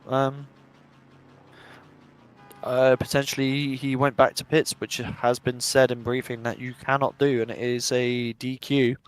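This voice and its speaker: A young man calls a virtual drift competition live, chatty and upbeat, in a mid-pitched voice. He narrates each run as it happens and answers viewers' chat between runs. Soft music plays faintly underneath. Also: flat delivery, measured pace, smooth. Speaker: drift race commentator. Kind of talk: live esports commentary.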